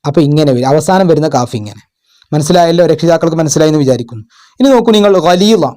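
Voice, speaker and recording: A man tutoring children and parents, going through exam questions in a patient way, asking questions and repeating words slowly. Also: on the high side, lively intonation, dark tone. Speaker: madrasa tutor. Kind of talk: explaining exam answers.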